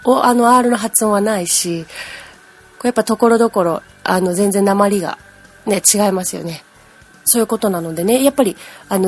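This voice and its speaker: A woman's voice: medium pitch, darkish tone, slightly rough. A woman teaching English pronunciation in a chatty, explanatory way, humming out speech rhythms. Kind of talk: language lesson.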